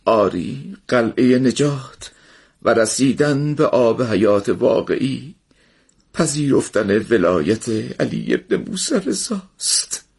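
A man voicing an earnest young male traveler, shaken with grief, in a trembling, breathy voice. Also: extremely high pitch, animated, a bit bright, pitched above the performer's own voice, exaggerated voice. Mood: reflective.

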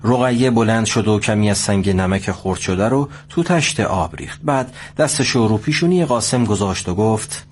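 A man narrating a scripted story at a steady pace. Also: fairly low pitch, few pauses, breathy edge.

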